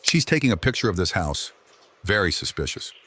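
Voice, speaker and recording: A man's voice: sits low, sing-song, fairly quick, fairly bright tone. A man reading scripted narration for a video. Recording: clear background noise.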